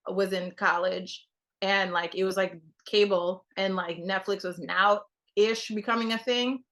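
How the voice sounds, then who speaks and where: A woman's voice: medium pitch, pushed and bright. A young woman from Trinidad, a television producer talking casually as a guest, full of fillers and restarts. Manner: rambling, many fillers and restarts. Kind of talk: casual conversation.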